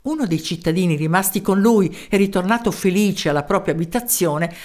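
A woman narrating a children's story in an expressive storytelling manner. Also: fairly low pitch, a little fast.

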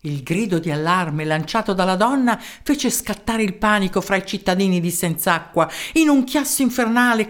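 A woman reading a children's story aloud, expressive and lively, voicing the characters' lines and sound effects. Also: fairly high pitch. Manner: expressive, with sound-effect words and voiced quotes.

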